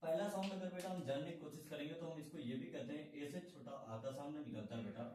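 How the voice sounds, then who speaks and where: Male tutor, mellow voice, patient step-by-step explainer, echoey and distant recording. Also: medium pitch. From India. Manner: explains slowly, repeats questions to students, calls them "beta". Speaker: English teacher. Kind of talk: classroom-style lesson. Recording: very echoey room, voice from far off.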